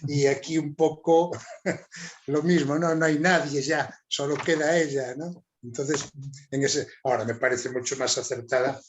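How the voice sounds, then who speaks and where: A man in a casual group discussion, animated and emphatic, often ending with tag questions. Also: fairly high pitch, a little slow, slight background noise.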